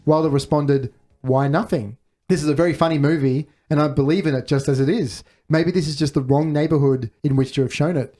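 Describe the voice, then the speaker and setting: A man's voice: on the high side, fairly even intonation, fast talker, hardly any pauses, dark tone, soft background music. A man co-hosting a movie podcast, reading out film trivia in casual chat and laughing often. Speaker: podcast co-host.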